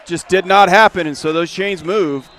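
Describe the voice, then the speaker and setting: Folksy man calling high school football. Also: moderate pace, some chatter behind. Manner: folksy, relaxed, rises when a play starts. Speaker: play-by-play announcer. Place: press box at a football stadium.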